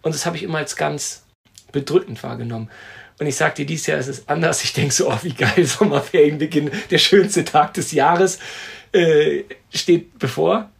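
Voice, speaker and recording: Podcast co-host around 40, gravelly husky voice, chatty storyteller. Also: male voice, fairly high pitch, moderate pace. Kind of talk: casual chat.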